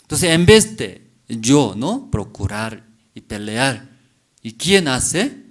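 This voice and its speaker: A man preaching from the pulpit speaks at a medium pitch with a sing-song lilt. He constantly poses rhetorical questions to his listeners, punctuating them with a brief "mm?" to check they're following.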